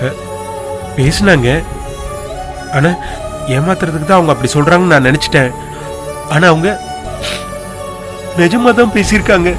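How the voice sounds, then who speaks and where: A man in a TV serial, heard over a phone on speakerphone, speaking in a hesitant, halting way. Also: fairly high pitch, lively intonation, over music. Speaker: groom-to-be on a phone call. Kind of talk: TV serial acting.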